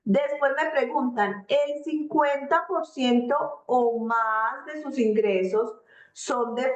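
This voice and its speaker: A woman lectures on taxes in a reverberant room. Her voice sits a little high for a woman. She keeps things conversational, checks in with "¿cierto?" and slips into the voices of example taxpayers. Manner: acts out example taxpayers in quoted asides. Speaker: tax lecturer. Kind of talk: explanatory tax seminar talk. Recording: echoey room.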